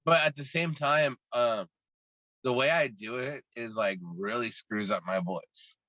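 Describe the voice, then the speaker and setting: A guest musician in an interview talks casually and at length, rambling and restarting his sentences often. His mid-range voice is bright and forceful at a measured pace, and the lo-fi recording has no echo.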